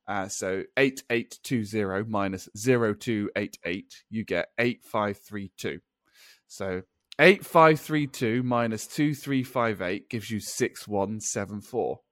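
A man's voice: mid-range voice, no echo, studio quality. A man co-hosting a podcast in casual chat, rambling and laughing often as he explains things. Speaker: podcast co-host.

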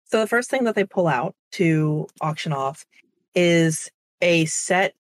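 A woman narrating as game master of a tabletop game, chatty and relaxed, with frequent fillers. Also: fairly low pitch, takes it slowly, dry recording, clean studio sound.

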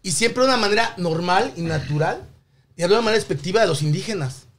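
A man's voice: high-pitched, lively intonation, fast, fairly bright tone. A man from Mexico with a Mexican accent, chatting on a podcast in heavy slang and swearing emphatically. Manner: slangy, profanity-laden, emphatic. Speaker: podcast co-host. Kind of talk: casual chat.

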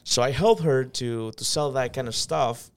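A man's voice: mid-range voice, moderate pace, clear, resonant tone. A man from El Salvador, telling his life story as an interview guest in an earnest, reflective way with hesitant fillers. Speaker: interview guest, company manager.

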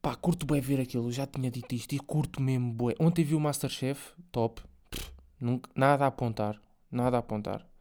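This is a young man with a European Portuguese accent, rambling through a solo podcast monologue. His speech is loose and slangy, packed with fillers and the odd swear word. His voice is dark and mellow at a middle pitch. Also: fairly quick, slight background noise. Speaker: podcast host.

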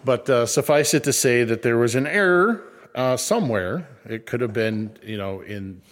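Chatting casually about backstory, this co-creator and actor of a fictional small-town show speaks at a medium pitch, expressive but halting, often correcting himself. Originally from the Bay Area in California and later a Minnesota resident, he's heard in a room with long, echoey reverb.

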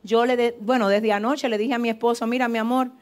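A woman pastor preaching a fervent, animated sermon in a church service, with asides to the congregation. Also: fairly high pitch, brisk.

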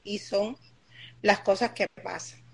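A woman's voice: mid-range voice, fairly even intonation, takes it slowly, breathy edge. A woman life coach giving advice in an online live conversation, talking emphatically and repeating key phrases. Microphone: online live call.

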